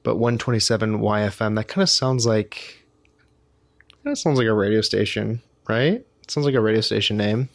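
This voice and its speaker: A tired man talks casually to the camera, rambling and poking fun at himself as he circles back over his own phrases. His voice sits a little low, and the sound is dry and close. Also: normal speed, creaky, dry recording. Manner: rambling and self-deprecating, with frequent restarts. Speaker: vlogger.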